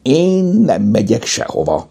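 A man's voice: medium pitch, wildly swooping pitch, dark tone, slightly rough, voice pushed up. A man voicing a boastful, lazy male pet cat in a children's audiobook, bragging and whiny. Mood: smug.

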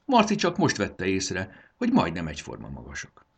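A man narrating a children's story in an expressive storytelling manner. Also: deep voice, vocal fry, breathy edge.

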